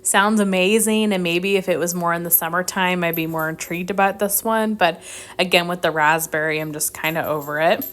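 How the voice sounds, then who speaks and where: A woman's voice: lowish voice, fairly even intonation, brisk, fairly bright tone. A young woman casually reviewing a scent preorder list, reading out notes and thinking aloud, her voice a bit strained from sneezing. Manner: chatty, mulls options aloud, reads scent notes. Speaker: wax melt reviewer. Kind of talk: casual product review vlog.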